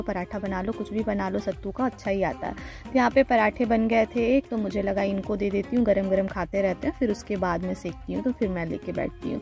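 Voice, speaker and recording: A woman's voice: medium pitch, vocal fry, a little mellow. A woman from India talking casually over her home vlog, explaining each step in a chatty way. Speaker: vlogger.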